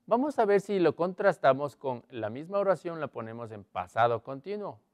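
A man teaching an online English grammar lesson, explaining in Spanish and reading English examples slowly while asking his students questions. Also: fairly high pitch, sing-song, no room sound, clean studio sound. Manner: asks students questions often.

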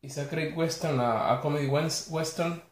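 In a small, echoey indoor bedroom, an Argentine man with a slightly high voice chats casually to camera while showing off a collector's haul. He speaks Spanish as his first language, with an Argentine accent, and names the titles one at a time in a halting, apologetic way.

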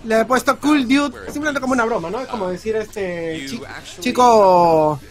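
Peruvian male stream commentator, high-pitched, upbeat and chatty, casual live banter. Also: normal speed. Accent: Peruvian Spanish. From Peru. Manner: chatty, upbeat, filler-heavy. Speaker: speedrun commentator.

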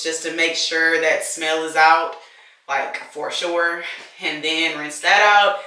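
A woman's voice: low-pitched, pushed and bright, recorded from a distance. A young woman vlogger, chatting in a laid-back way about her hair care routine at home. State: congested. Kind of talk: casual hair-care vlog chat. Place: home bathroom. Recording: echoey bathroom.

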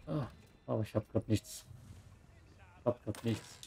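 A man's voice: fairly low pitch, a little slow, gravelly, dark tone, breathy edge. A man giving casual commentary while playing a video game, with joking, sarcastic asides. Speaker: let's play gamer.

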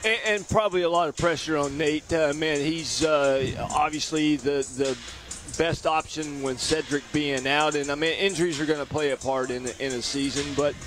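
A man's voice: a little high, steady tone, normal speed, fairly bright tone, soft background music. A man analyst chiming in agreeably with rambling remarks, full of fillers. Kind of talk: postgame interview.

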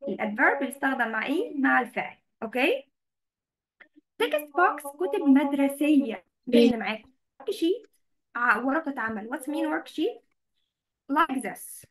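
High-voiced Egyptian woman teaching online. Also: expressive, normal speed, a bit bright. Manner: mixes Arabic and English, checks in often with students. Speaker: English teacher. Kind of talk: online class explaining vocabulary.

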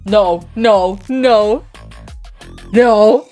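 A woman's voice: medium pitch, extremely slow, dark tone, soft background music. A woman doing casual, sweary reaction commentary as a cute anime-style streamer. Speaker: VTuber streamer reacting to a video.

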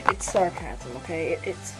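A woman vlogging casually, excitable and profane, often repeating her phrases. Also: lowish voice, moderate pace, poor audio. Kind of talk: casual handheld vlog. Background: music playing.

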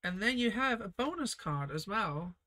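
An art teacher streams a casual painting session, reading viewer comments and chatting warmly as she works, often laughing softly and letting sentences trail off. She has a medium-pitched voice with lively intonation and a moderate pace.

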